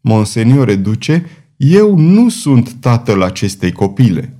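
A man reading an audiobook, voicing an older, burly executioner who speaks slowly and solemnly. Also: mid-range voice, very animated, mellow.

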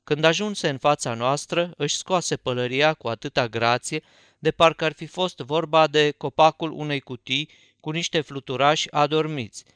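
A man reading a novel aloud in a folksy, even first-person narration. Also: fairly high pitch, clear, resonant tone, no room sound, clean studio sound. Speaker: audiobook narrator.

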